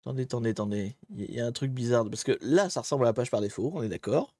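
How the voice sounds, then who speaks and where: Male live-stream host, mid-pitched, casual and self-mocking, close dry mic. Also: lively intonation, racing, darkish tone, dry recording. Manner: chatty, thinks aloud, greets viewers in chat; laid-back and self-mocking. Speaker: livestream host.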